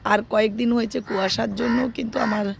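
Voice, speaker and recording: A middle-aged vlogger, hoarse from a cold, talks softly and slowly to her viewers on a rooftop one morning, using lots of fillers. Her fairly high voice stays fairly even, she holds her phone in her hand, and the background is noisy.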